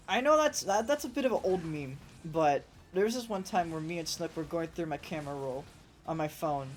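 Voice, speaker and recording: A woman game streamer with a sore, rough throat, chatting in a rambling, casual way and swearing freely while she plays. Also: deep voice, darkish tone. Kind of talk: casual let's-play commentary.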